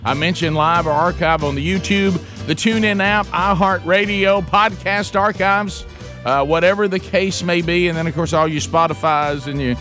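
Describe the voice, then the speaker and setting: A man with a fairly high voice hosts a casual radio show. He talks conversationally, haltingly rewording as he goes, over music. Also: bright, forceful tone.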